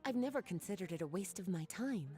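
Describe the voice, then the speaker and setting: A woman's voice: mid-range voice, animated, quick pace, warm tone, faint music behind, lightly acted. [name], a woman as a sultry, teasing scholar. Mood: firm, composed.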